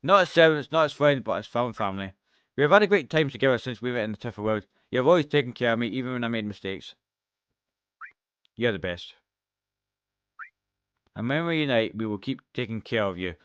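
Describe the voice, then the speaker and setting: Fast-reading Scottish man voicing game dialogue. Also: lively intonation, a bit bright, clear, resonant tone, no room sound, lo-fi sound. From Scotland. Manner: reads every character's lines, shifting pitch between parts. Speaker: let's-play streamer.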